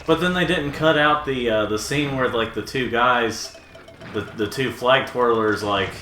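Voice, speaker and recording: A man's voice: medium pitch, a little slow, pushed and bright. A man chatting casually while playing a game, rambling with lots of fillers and restarts. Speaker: gaming co-host. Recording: echoey room with faint noise.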